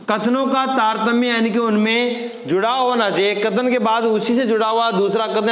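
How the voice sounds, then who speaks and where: A man with a high voice gives an exam-prep lecture, laying out points one by one and quizzing the listener on each term. The sound is roomy, with a long echo trailing his words. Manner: explains step by step, repeats key terms as questions. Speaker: teacher.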